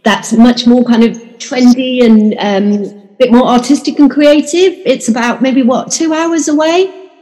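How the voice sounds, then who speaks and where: A woman's voice: on the high side, unhurried, warm tone, long reverb tail. Enthusiastic woman podcast host. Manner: enthusiastic, chatty. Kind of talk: podcast interview.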